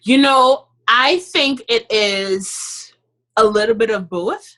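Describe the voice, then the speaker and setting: A woman from Trinidad and Tobago, with a Trinidadian accent, speaks as a podcast guest; she's a dentist and author. Her voice sits a little high and is bright and forceful, and she takes her time. The chat is a casual interview, delivered emphatically with frequent "you know"s.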